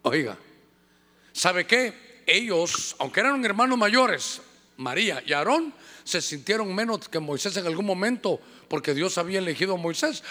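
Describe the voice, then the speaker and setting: A male pastor preaching a sermon, animated and calling his listeners brother. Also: high voice, in a large hall.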